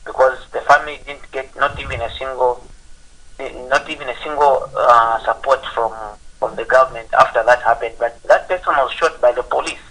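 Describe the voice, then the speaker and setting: A man calling in over a clipped phone line, asking his question haltingly with many pauses and restarts. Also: mid-range voice, steady tone, sharp tone. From Zambia. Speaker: caller. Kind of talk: call-in question on live television.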